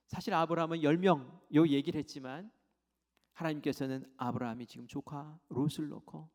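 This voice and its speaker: A male pastor preaches in a fairly high, gravelly voice, acting out the story with sudden swings between loud lines and hushed whispers. His words ring out with a long reverb, as in a church sanctuary. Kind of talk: sermon.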